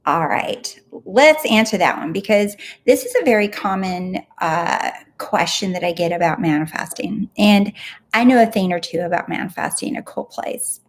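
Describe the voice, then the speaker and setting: A woman's voice: mid-range voice, lively intonation, normal speed. A woman hosting a casual live-stream Q&A as a manifestation coach, talking in an upbeat, emphatic way with blunt asides. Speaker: manifestation coach and show host.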